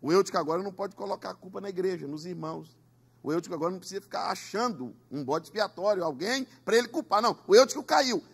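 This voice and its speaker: A pastor, a man with a husky, slightly raspy voice, preaches an emphatic sermon in a church. He asks the congregation to repeat his words and talks in a high register. His pitch leaps widely from line to line. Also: lively intonation, quick pace. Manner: emphatic preaching with call-and-response. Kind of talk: Pentecostal sermon.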